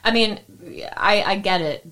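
A young woman co-hosts a podcast with a bright, pushed, mid-range voice at a measured pace. She chats casually and a bit tipsily, swearing lightly and laughing readily.

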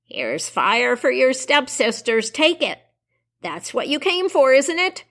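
A woman voicing Baba Yaga, a menacing old witch who eats people, speaking slowly and drawing out her words, with shrieks in her anger. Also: sits high, big pitch swings, a bit bright, voice pushed up, exaggerated voice. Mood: mocking. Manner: slow, drawn-out, shrieking when angry.

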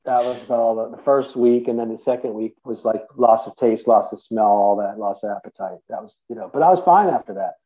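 A man in his fifties from the Boston area, USA, speaks fairly quickly in a lowish voice with hardly any pauses. As an interview guest over a tinny, phone-like line, he tells stories casually and ramblingly, restarting often and saying "you know" a lot.

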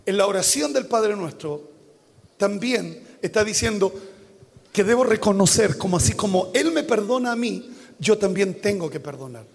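A high-pitched man preaches, reading scripture aloud and repeating phrases for weight. He breaks into animated, loud impressions of the people in the story. His voice carries a long reverb, as in a large hall. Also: normal speed, creaky. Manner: animated, acts out Bible characters with sudden loud exclamations; reads scripture verse by verse and repeats key phrases for emphasis. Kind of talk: sermon.

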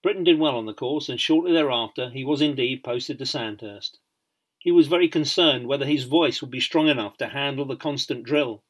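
Male narrator, bright clear tone, measured storytelling, mid pitch. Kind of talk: scripted audiobook narration.

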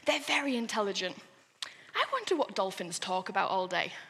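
A woman giving a lively, playful sermon to children in church. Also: mid-range voice, a little fast, in a large hall, a little hiss or hum. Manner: lively, animated, playful with the kids.

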